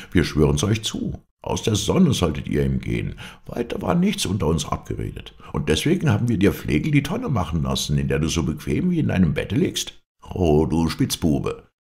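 A man voicing an angry crowd of townsmen, shouting accusations. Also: very deep voice, gravelly, exaggerated voice.

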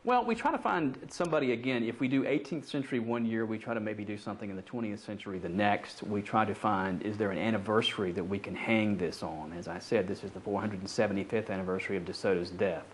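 A middle-aged American man explaining as a historian in an office interview, measured and thoughtful. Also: lowish voice, slight background noise. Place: indoor office.

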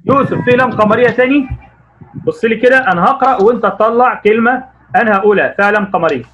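A man with an Egyptian Arabic accent teaching young pupils online, encouraging them and quizzing them by name, stretching out words slowly as he reads. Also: sits high, a bit bright, highs cut off, a little hiss or hum. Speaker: primary school Arabic teacher.

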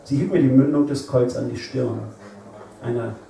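A middle-aged man reading his own prose aloud in a wry, deadpan way, at a live reading in an echoey venue. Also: medium pitch, moderate pace, gravelly, recorded from a distance, slight background noise. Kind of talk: live literary reading, first-person narration.

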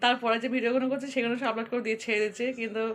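Fast-talking Bengali woman vlogger. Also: fairly high pitch, level tone. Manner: chatty, addresses viewers directly. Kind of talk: casual home vlog chat. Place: home. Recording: noisy home phone recording.

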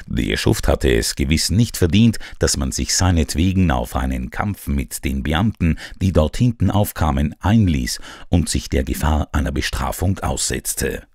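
A man narrating an old detective adventure as an audiobook, in a measured, dramatic storytelling manner. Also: a bass voice, animated, creaky, darkish tone, no room sound, clean studio sound.

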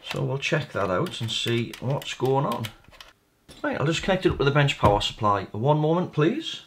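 At an indoor workbench, a man hosts a repair video, casually narrating his hands-on work and thinking aloud tentatively. His mid-range voice has a sing-song quality and moves at a moderate pace.

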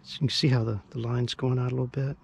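A man's voice: mid-range voice, flat delivery, quick pace, gravelly, darkish tone, a little hiss or hum. A man chatting casually on a riverbank as he fishes, explaining what he does as he goes, picked up on a camera mic. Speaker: fishing vlogger. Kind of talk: casual narration while fishing. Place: outdoors on a riverbank at dawn. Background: faint birds and outdoor ambience.

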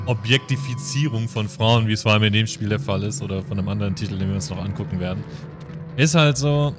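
Male let's play host: fairly low voice, loose rambling commentary, English terms thrown in, loud music underneath. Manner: rambling, mixes in English words. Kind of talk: casual game commentary. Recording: loud game music behind. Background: loud video game music.

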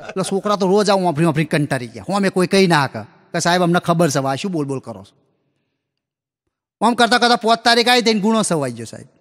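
Man, live stand-up comedian, acts out dialogue, high voice, long reverb of a hall. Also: a bit bright. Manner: folksy anecdotal delivery, acts out dialogue. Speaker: stand-up comedian telling school jokes. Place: live comedy stage before an audience.

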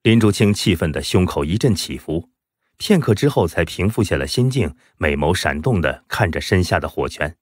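Deep-voiced dramatic male storyteller. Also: very animated, normal speed, no echo, studio quality. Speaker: audiobook narrator. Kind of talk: scripted web-novel narration.

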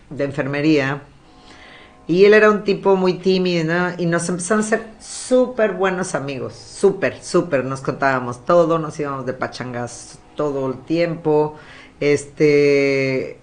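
A woman hosting a podcast in a casual, chatty storytelling manner, often pausing with fillers. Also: low voice. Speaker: podcast host. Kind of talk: casual chat.

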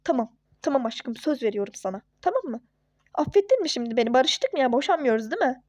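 A woman voicing a young husband and father in a home-made toy-game role-play, who pleads apologies and gushes with excitement. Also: high-pitched, quick pace, no echo, highs cut off, pitched below the performer's own voice. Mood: pleading.

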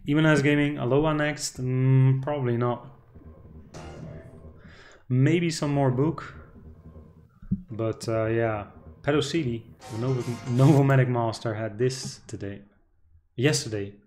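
Male slot streamer, relaxed running chatter to his viewers, mid pitch, soft music underneath. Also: a little slow, long pauses. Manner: chatty, reads out viewer names, cheers at the slot. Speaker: casino streamer. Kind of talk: casual live-stream chat.

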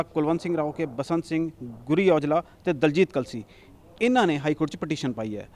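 A male news reporter, delivering a rapid on-the-spot report with occasional fillers and restarts. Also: on the high side, a little mellow.

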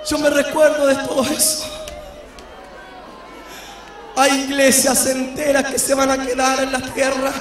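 A man preaching a shouted sermon testimony, calling his listeners beloved brother, in a church hall. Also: extremely high pitch. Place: church hall before a congregation. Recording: echoey hall, mic at a distance.

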